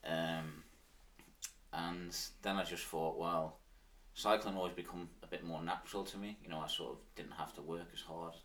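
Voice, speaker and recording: Deep-voiced man with a strong Manx accent. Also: fairly even intonation, moderate pace, fairly bright tone, recorded from a distance. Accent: strong Manx (Isle of Man). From Isle of Man. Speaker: podcast guest, cyclist. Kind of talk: casual interview chat. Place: podcast studio.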